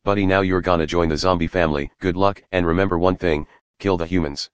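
A man's voice: low voice, steady tone, fast, clean tone, dry recording, muffled recording, close to an everyday voice. A man playing a menacing zombie general, a gloating, commanding mad-scientist villain in an audio drama.

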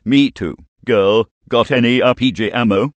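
A man's voice: medium pitch, moderate pace, no echo, lo-fi sound, close to an everyday voice. A man playing an eager, blunt survivor fighter in an audio drama, talking casually. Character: eager male survivor fighter hungry for ammo.

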